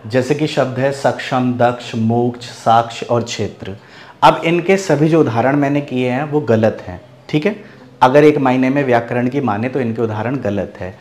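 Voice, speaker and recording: A man's voice: medium pitch, moderate pace, a little mellow. A man from Bihar, India, teaching an online grammar lesson. He explains step by step, asks rhetorical questions and says "okay" often. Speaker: Hindi teacher.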